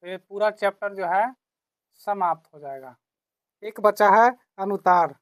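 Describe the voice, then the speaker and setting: Woman teacher, slow drilling delivery with repeated phrases and self-answered questions; fairly high voice, dry close sound. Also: dry recording. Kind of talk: explaining grammar lesson.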